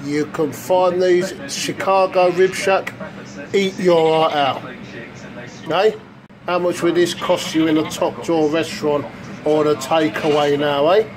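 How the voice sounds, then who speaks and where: Recorded on a handheld phone behind the camera in a home kitchen, this casual cooking narration features a home cook showing off his food with jokey, showman-chef commentary. His voice sits fairly high, with fairly even intonation and a measured pace, and a crowd can be heard in the background.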